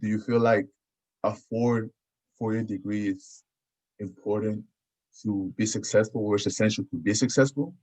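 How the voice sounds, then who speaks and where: A podcast host from the Houston area of the United States chats casually, often repeating his phrases. His voice is lowish and darkish, with a steady tone at normal speed. The audio is dull and lo-fi.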